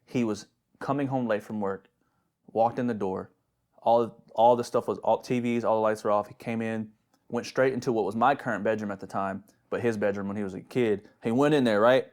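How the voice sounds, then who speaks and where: Low-voiced man telling a ghost story. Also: steady tone, fairly quick, darkish tone. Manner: loose storytelling with slang, restarts and laughs. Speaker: podcast co-host.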